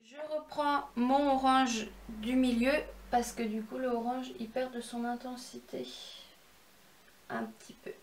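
A woman's voice: high-pitched, fairly even intonation, a little slow, few pauses. A young woman walking viewers through a makeup tutorial in a chatty, instructive way, with self-deprecating asides. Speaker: beauty vlogger.

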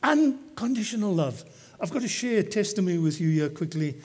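A man's voice: high voice, expressive, fairly quick, darkish tone, breathy edge. A man preaching a sermon as pastor, talking to the congregation in a conversational, joking way. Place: church.

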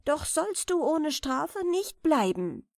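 A woman giving voice to a noble storybook rat with a fairy's pride, speaking in a raised, solemn voice. Her words are slow and weighty, somewhat loud, with a lifting, lively pitch. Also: creaky, no room sound, clean studio sound, heavily acted. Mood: vengeful. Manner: solemn, proud and measured. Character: proud, dignified female rat who is a fairy.

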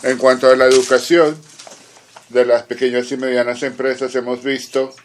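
A man interprets simultaneously at a conference in a formal manner, using short, deliberate phrases and halting pauses. His mid-range voice shows little pitch movement, and slight background noise is present.

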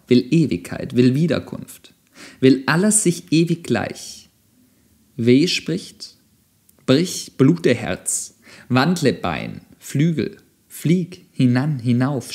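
A man reading a philosophical text aloud as an audiobook, declaiming with dramatic pauses. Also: medium pitch, darkish tone. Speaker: audiobook narrator.

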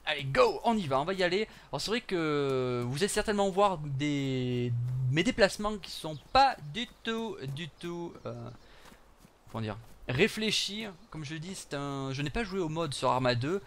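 A man's voice: fairly high pitch, animated, moderate pace, fairly bright tone, a little hiss or hum. A young man chatting through his gameplay for viewers, with joking asides. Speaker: gaming channel host. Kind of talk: live gameplay commentary.

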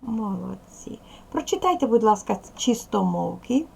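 A woman teacher talks slowly and patiently to young children in a recorded lesson. Her slightly high voice rises and falls a lot, with a gravelly edge. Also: big pitch swings, mellow. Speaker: primary school teacher. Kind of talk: recorded video lesson for second graders.

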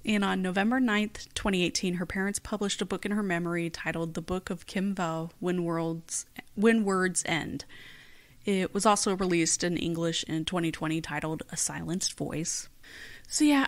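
A woman's voice: medium pitch, moderate pace. A woman co-hosting a casual podcast, reading out case facts in a plain recap with dry, blunt asides. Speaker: podcast co-host.

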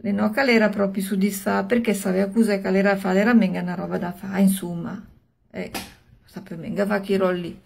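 An older woman with a Milanese accent tells a story aloud in a husky, gravelly voice. She speaks colloquially, as if chatting, in short phrases, and plays out the characters' exchanges herself. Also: mid-range voice, level tone, fairly quick. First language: Milanese dialect. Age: 60s. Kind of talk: oral storytelling of an old horror tale, acting out dialogue. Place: small room at home.

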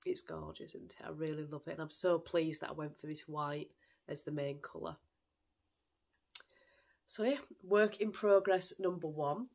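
A woman's voice: deep voice, fairly even intonation, normal speed, creaky, darkish tone. Woman, podcast host, casual self-mocking chat at home. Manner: chatty, self-deprecating storytelling.

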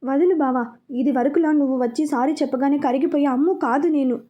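A woman's voice: sits high, fairly quick, warm tone, lo-fi sound, natural voice. A woman reading a story, voicing a pouting, stubborn young woman who is hurt and angry with her fiancé. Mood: sulky.

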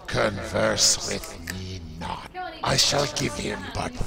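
Deep, gravelly, echoing demon. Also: male voice, over music, full character voice. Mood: stern, accusing. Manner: slow, archaic, solemn demonic pronouncements. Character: huge solemn male demon judging sinners. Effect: pitch lowered, echo added. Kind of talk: video game voice acting.

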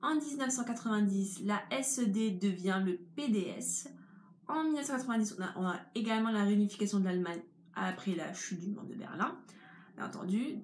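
Young female tutor, casual lesson delivery, mid-pitched voice, roomy echo. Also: lively intonation, a little fast, darkish tone. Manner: chatty, explains step by step. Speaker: history tutor. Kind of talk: informal history lesson. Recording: echoey room with faint ambience.

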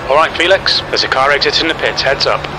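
A man giving terse race spotter radio calls as crew chief, clipped, flat and businesslike. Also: mid-range voice, fast, close to an everyday voice. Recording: loud car engine noise behind. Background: racing car engine.

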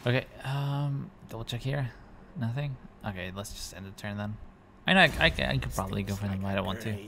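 A man's voice: mid-range voice, lively intonation, brisk, gravelly, a crowd in the background. A man giving rambling gameplay commentary, thinking aloud and correcting himself as he goes. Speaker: gaming commentator.

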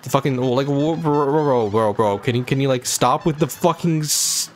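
A young man runs a let's-play channel, playing into a desk microphone while he swears nonstop and rambles jokes at a game boss. His voice is medium in pitch at a normal speed, with slight background noise.

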